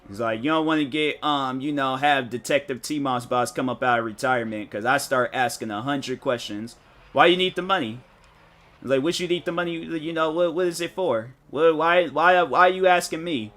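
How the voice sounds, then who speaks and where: Slangy, animated male gaming streamer. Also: a little high, normal speed. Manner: rambling storytelling, slangy, animated, mock-quotes people. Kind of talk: casual chat while streaming a game.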